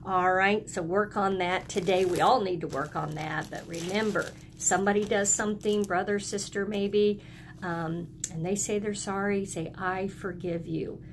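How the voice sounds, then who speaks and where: With a mid-range voice, fairly even intonation, and a moderate pace, a woman early elementary teacher encourages young children in simple phrases and prompts them to echo her during a lesson. Slight background noise is audible.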